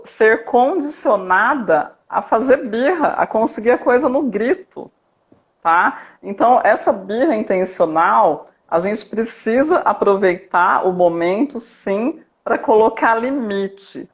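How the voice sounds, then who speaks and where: A woman family coach calmly explaining parenting in a live video chat, checking in often with her listener. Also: mid-range voice. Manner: calm, didactic, checks in with "tá?". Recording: dull lo-fi live stream audio.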